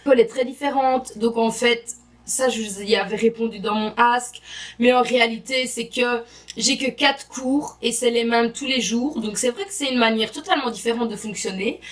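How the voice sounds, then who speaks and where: A woman's voice: fairly high pitch, moderate pace. A young woman, chatting enthusiastically to camera as an exchange student vlogger. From Belgium. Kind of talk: casual vlog to camera. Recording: voice a bit distant from the mic.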